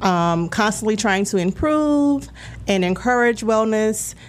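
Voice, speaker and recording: A woman's voice: mid-range voice, expressive, measured pace. A woman in her forties, a wellness coordinator on a talk show, explaining her programs in a friendly way with some fillers. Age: 40s. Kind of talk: casual radio talk.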